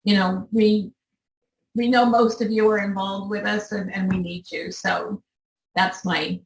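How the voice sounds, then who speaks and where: Older woman organizer, halting and heartfelt, mid pitch, roomy sound from a distant mic. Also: flat delivery, creaky. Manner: earnest, halting, emotional. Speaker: volunteer organizer. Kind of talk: speaking to a meeting.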